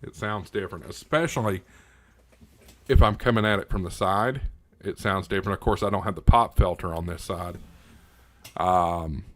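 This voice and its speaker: The host of a ham radio channel runs a casual livestream from home, speaking right up on a close directional studio condenser mic in a low, slightly bright voice. He answers viewer questions in a folksy, unscripted way, with halting pauses.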